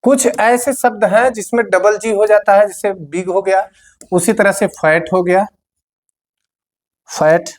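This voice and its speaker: A man's voice: sits high, fairly even intonation, measured pace. A male teacher giving a board-exam grammar lesson, explaining patiently, repeating key words and speaking straight to his students.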